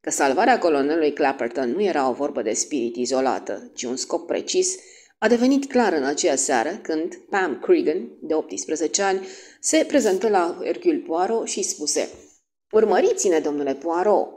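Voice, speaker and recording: A woman's voice: low-pitched, lively intonation, darkish tone. A woman narrating an audiobook expressively, voicing each character.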